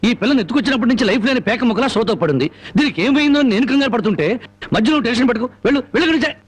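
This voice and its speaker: An actor playing a fiery, defiant man who thunders speeches and makes comically gruff threats in a film scene. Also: extremely high pitch, animated, rapid-fire, full character voice. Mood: comic bluster. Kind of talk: Telugu film dialogue. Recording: film soundtrack with loud music.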